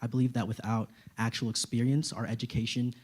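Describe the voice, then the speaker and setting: Young man with a mellow warm voice. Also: mid-range voice, level tone, a little fast, breathy edge. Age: young adult. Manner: earnest, storytelling, persuasive. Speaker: student vice-presidential candidate. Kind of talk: debate answer. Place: debate stage.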